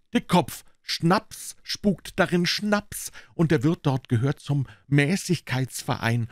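A man voicing an excitable, frightened boy. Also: medium pitch, dry recording, studio quality, pitched above the performer's own voice. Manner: breathless, excited storytelling. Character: excitable scared boy adventurer.

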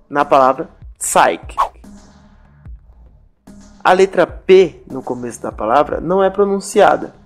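Slow, deliberate teacher man. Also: fairly high pitch. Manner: slow, deliberate explaining, repeating words. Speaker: English teacher and channel host. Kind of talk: pronunciation lesson.

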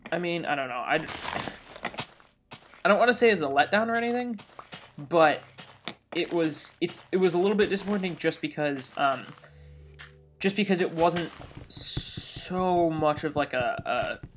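A young man hosting a let's play, excitable and rambling, jittery from coffee and breaking into sudden high squeals. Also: measured pace, long pauses. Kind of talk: casual gameplay commentary. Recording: game music playing loudly behind. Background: video game music.

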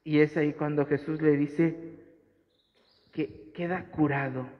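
A man's voice: a little high, fairly even intonation, slow pace. A man giving a homily at mass, earnest and building to emphatic repetitions. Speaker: priest. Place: church. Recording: dull sound with long church reverb.

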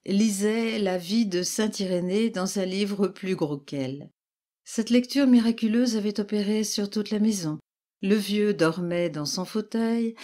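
A woman reading a classic tale aloud as narrator, with expressive storytelling. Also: fairly low pitch. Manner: expressive storytelling with lively exclamations. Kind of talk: literary audiobook reading.

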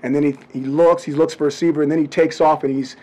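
Blunt middle-aged coach at press table. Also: male voice, a little high, fairly even intonation, mellow. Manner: blunt, measured answers. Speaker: head football coach. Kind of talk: postgame press conference. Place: press room before a branded backdrop. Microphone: table microphones.

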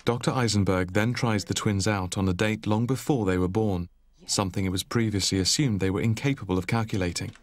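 A man narrating a documentary in a measured, even way. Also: on the low side. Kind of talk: scripted narration.

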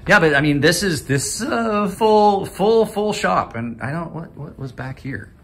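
Holding his phone at arm's length, a tired man in his 40s who hosts a knife channel rambles through a casual shop vlog, clearly exhausted. His voice sits high and is expressive, a little slow. The setting shifts from a small cluttered office to a large workshop.

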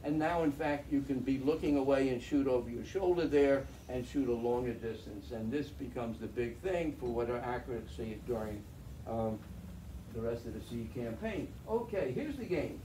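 A wry older man, a veteran pilot appearing as guest speaker, lectures from slides in an echoey meeting room with a projector screen. He speaks in a mid-range voice at moderate pace, a chatty storyteller prone to restarts. The audio, from a far camera among the audience, is roomy, distant and faintly noisy.

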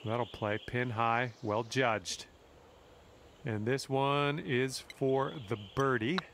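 Calm, encouraging golf commentator man. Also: medium pitch, slow pace, slight background noise. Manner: calm, encouraging, addresses the player directly. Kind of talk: sports commentary.

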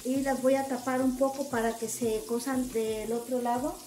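This home cook, a woman with a Mexican Spanish accent, has a high-sitting voice with a dark, steady tone and talks at normal speed. She walks through recipes step by step in a relaxed, homely voice-over full of diminutives, in a roomy home recording with echo.

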